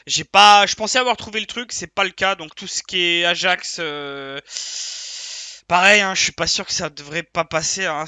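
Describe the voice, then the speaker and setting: A man's voice: high-pitched, pushed and bright, no echo. A man giving a casual video debrief as a sports betting tipster, rambling and hesitant, full of fillers, frustrated and questioning himself.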